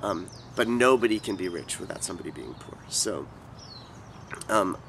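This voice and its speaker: A man in his forties from California with a fairly low voice, answering interview questions thoughtfully and haltingly, stopping often to restart his sentences. He is recorded outdoors in a city, with clear street noise behind him. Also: animated, a bit bright. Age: 40s. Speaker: interviewee, activist.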